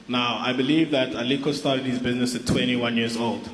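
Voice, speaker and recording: A man's voice: medium pitch, steady tone, a little fast. Man from South Africa, audience question, formal and polite, roomy echo. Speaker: audience member asking a question. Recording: echoey hall with faint noise.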